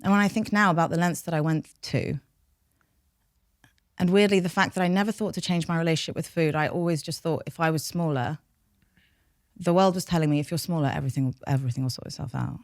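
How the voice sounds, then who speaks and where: Speaking a little fast with frequent pauses and fairly even intonation, this low-voiced woman talks candidly about herself in an interview. A behaviour change specialist from North London, she grew up speaking Farsi natively and has a London accent; the recording is dry and studio quality.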